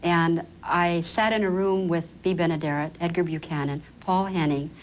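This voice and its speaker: A woman with a slightly low voice speaks in a relaxed, recounting way during an interview. Faint noise sits behind her. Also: normal speed, low-quality recording. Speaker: interviewee, actress. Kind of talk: casual interview.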